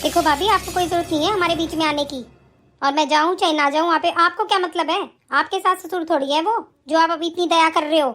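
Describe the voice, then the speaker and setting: A woman's voice: very high voice, steady tone, quick pace, fairly bright tone, faint music behind. Woman voicing a defiant spoiled daughter. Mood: scornful. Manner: argumentative, defiant, scornful. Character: spoiled stubborn married daughter, young woman. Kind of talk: animated story voice acting.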